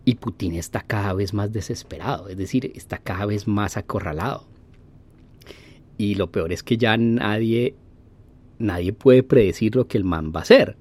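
A man telling a casual story, animated, acting out voices with playful sound effects. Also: fairly low pitch, normal speed.

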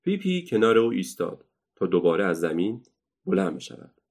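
A man narrating a children's storybook in a steady, measured reading voice. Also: on the low side.

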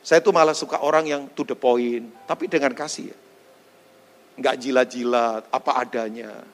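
A man preaching a sermon as pastor, animated, putting questions to the congregation and mixing in English phrases. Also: mid-range voice, long reverb tail.

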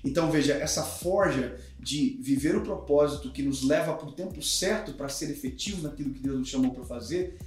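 A pastor in his thirties speaks earnestly and emphatically in a podcast conversation, teaching with examples. His voice is on the high side and a little mellow, moving at a moderate pace with few pauses. The room is very echoey, with music behind him.

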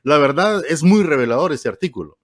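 A man's voice: fairly high pitch, expressive, no room sound. Rambling Honduran man, dry studio sound. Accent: Honduran Spanish. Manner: rambling, halting, with frequent "eh" and restarts. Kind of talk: casual panel discussion.

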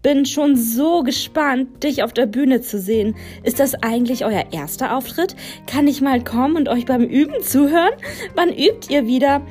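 A woman's voice: high voice, normal speed, a little mellow, soft background music, voice pushed up, natural voice. A woman voicing an eager, chatty teenage girl in a storybook, bubbly and a little pushy.

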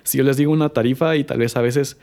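Fast-talking man. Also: medium pitch, steady tone, creaky, darkish tone. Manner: rambling, full of fillers and quoted asides. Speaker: podcast guest photographer. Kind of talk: casual chat.

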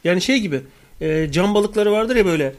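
Brief: young male web radio co-host, profane teasing banter, quick-fire and a touch high. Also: expressive. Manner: rapid joking, profane, teasing callers. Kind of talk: casual crude comic banter.

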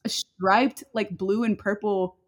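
A woman's voice: medium pitch, fairly even intonation, slow. A young adult woman telling a personal story in casual chat, rambling with many fillers and breaking off into laughter.

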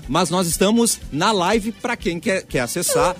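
A man's voice: sits high, animated, a little slow, faint music behind. A man hosting a radio show, upbeat and exclamatory. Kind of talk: casual radio banter.

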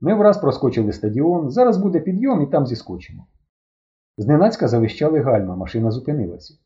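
Audiobook narrator man, dark voice, lively pitch, dull lo-fi sound. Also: fast. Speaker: audiobook reader. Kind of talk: first-person storybook narration.

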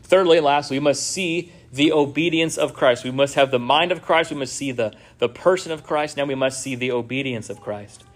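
A man's voice: mid-range voice, a little fast, hardly any pauses. A man preaching a sermon in a church, conversational, with many rhetorical asides to the congregation. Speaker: pastor.

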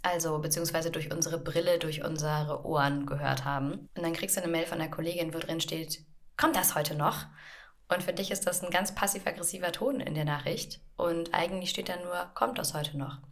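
A woman with a notably low voice co-hosting a relaxed podcast conversation. She explains with animated examples, often slipping into acted-out inner voices. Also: fairly quick, few pauses. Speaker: podcast co-host, coach.

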